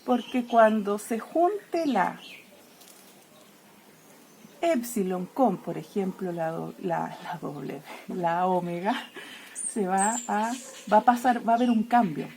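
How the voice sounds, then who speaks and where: A woman teacher explaining grammar to her students, checking in constantly with a quick "¿ya?" and playfully treating letters as if they fight and die. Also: medium pitch, vocal fry, a little mellow, slight background noise. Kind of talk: explaining Greek grammar lesson.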